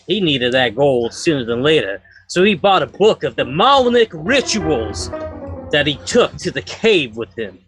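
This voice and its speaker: A man plays a folksy frontier storekeeper spinning spooky legends. His high voice swoops theatrically and takes its time, halting here and there over clear music. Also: sing-song, fairly bright tone. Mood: ominous, folksy. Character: old-West general store keeper spinning a spooky legend. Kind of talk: improvised Western campfire storytelling. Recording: music behind the voice.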